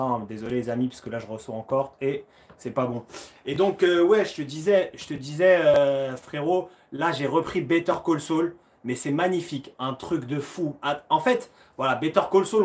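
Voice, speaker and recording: Chatty French-speaking man on a live stream. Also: on the high side. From France. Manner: chatty, friendly, addresses viewers by name. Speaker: karate coach hosting a live Q&A. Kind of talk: casual live-stream chat. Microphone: phone.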